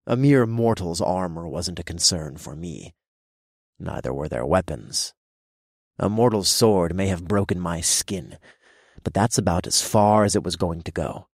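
A man narrating an audiobook in the first person, with a dark, gloating storytelling manner. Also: sits low, animated, a little slow, gravelly, husky, no room sound, studio quality.

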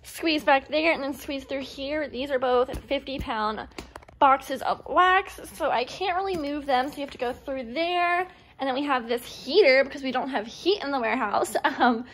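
A woman's voice: high-pitched, moderate pace, a bit bright, a little hiss or hum. A woman in her twenties, a small business owner, chatting casually to her phone camera with lots of "like" and "um", first in a car and then in a small warehouse office. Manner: chatty, filler-heavy, frequent "like" and "um". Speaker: gift box business owner. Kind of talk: casual vlog chat. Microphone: phone camera held at arm's length.

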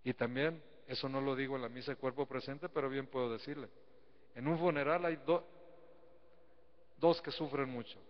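A man's voice: medium pitch, steady tone, normal speed, long pauses. Male priest, folksy sermon, calls for congregation replies, dull lo-fi stream with a long church reverb. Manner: asks rhetorical questions and calls for congregation replies; folksy, teasing preaching. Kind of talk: sermon and prayer at Mass. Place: church sanctuary.

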